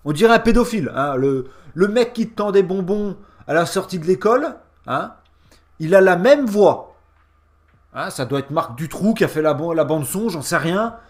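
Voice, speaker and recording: A man's voice: sits high, expressive, moderate pace. A man hosting a casual, sarcastic game review in a mocking, slangy and emphatic manner. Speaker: gaming video host.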